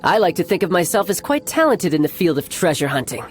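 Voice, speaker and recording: An actor playing a cocky, smooth-talking young man in a video game, theatrical and playfully condescending. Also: high-pitched, big pitch swings, fast talker. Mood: confident, playful. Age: young adult. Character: cocky, smooth-talking young male fighter posing as salesman. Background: game music.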